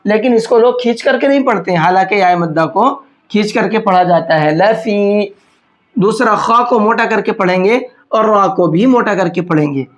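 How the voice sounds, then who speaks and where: A Quran teacher with a high-sitting voice gives a tajweed lesson on pronunciation. He patiently poses questions to himself and answers them, slowing down to stretch words out as he demonstrates.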